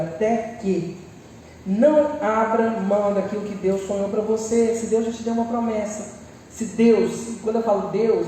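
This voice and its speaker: A woman with a Brazilian accent preaching a lively sermon and acting out people's prayers with humorous asides. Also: mid-range voice, slight background noise. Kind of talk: church sermon. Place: large church hall. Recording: echoey church hall, mic far off.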